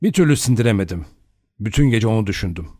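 A man's voice: on the low side, expressive, quick pace, dark tone, no room sound, studio quality. A man voicing a blunt, suspicious middle-aged man. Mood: brooding.

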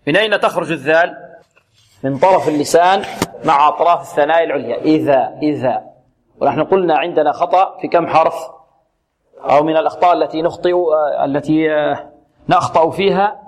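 A man teaching Quran recitation, asking questions, answering them himself and drawing sounds out slowly to demonstrate them. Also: on the high side, darkish tone. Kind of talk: Quran pronunciation lesson.

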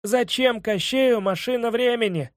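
A man voicing Koshchei, a gleeful old sorcerer villain in an audiobook, loud, theatrical and mocking, with a cackling laugh. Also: very high voice, measured pace, dry recording, studio quality, voice pushed up. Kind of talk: audiobook character voice.

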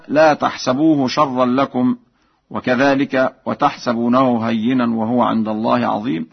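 A man of middle pitch teaches recitation. He moves between measured spoken explanation and slow, melodic chanted examples. The sound is dull and lo-fi, like an old radio broadcast. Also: gravelly, breathy edge.

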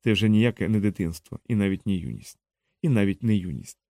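A man reading the part of a bitter, worn-out boy commander in a low, subdued voice, recorded dry. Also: fairly even intonation, brisk, a little mellow, dry recording, lightly acted. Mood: weary.

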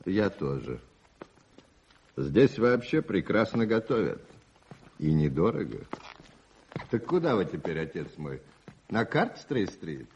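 A man playing a calm, polite companion to a priest in an old radio play, speaking without hurry. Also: low voice, slow pace, pauses often, full character voice. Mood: calm, smooth. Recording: muffled old radio recording, faint noise.

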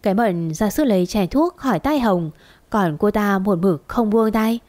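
A woman tells a romance story in a steady, even reading voice. Her pitch stays in the middle range. She keeps a calm storyteller's pace throughout. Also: moderate pace.

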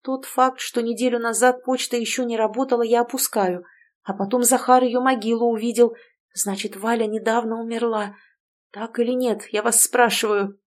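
A woman's voice: on the high side, moderate pace, lightly acted. Woman voicing an agitated argumentative man. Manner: excitable, argumentative. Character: agitated middle-aged man, host of the house. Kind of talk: audiobook character voice.

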